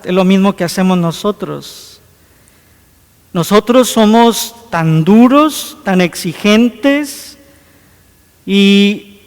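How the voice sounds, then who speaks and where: A man preaching a homily as a priest, earnest, with many rhetorical questions. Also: sits high. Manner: earnest, rhetorical questions, acts out scripture scenes. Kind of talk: sermon. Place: church. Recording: long hall reverb.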